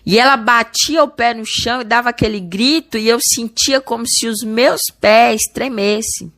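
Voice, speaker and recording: A woman with a Brazilian Portuguese accent gives an earnest religious testimony as a church member, calling her listeners brothers. She often restarts and repeats words. Her voice is on the high side and a bit bright, at normal speed.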